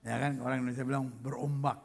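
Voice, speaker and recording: A man's voice: medium pitch, fast talker, vocal fry, a little hiss or hum. A male pastor preaching a humorous sermon, joking and mimicking how different people speak. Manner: lively, jokey, mimics accents and voices.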